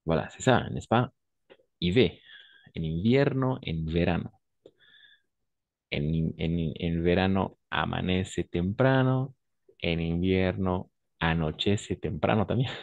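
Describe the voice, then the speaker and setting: A man's voice: deep voice, expressive, slow, vocal fry, pauses often, dry recording, dull audio. A man teaching a French lesson online, patiently repeating examples and often checking that his students follow.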